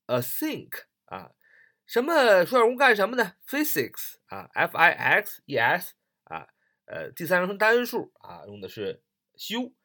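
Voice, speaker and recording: A man gives a recorded English reading lesson. His pitch rises and falls a great deal as he repeats each phrase and spells the words out slowly. He fills the pauses between explanations with short particles. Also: pushed and bright. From northern China. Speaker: English teacher.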